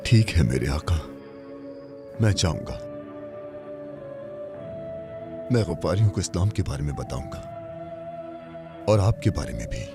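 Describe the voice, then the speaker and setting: A fearless, devout desert preacher, proclaiming with a lively, swinging pitch. A film score plays under him. The tone is fervent and sure. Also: male voice. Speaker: dubbed film character. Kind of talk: Hindi film dub acting. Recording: film score mixed behind.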